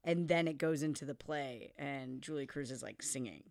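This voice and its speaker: A woman's voice: a bass voice, normal speed, creaky, a little mellow, no echo, clean studio sound. A woman chatting casually as a co-host in valley girl style, filling her sentences with "like". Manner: valley girl talk, frequent "like". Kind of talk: casual chat about film and TV.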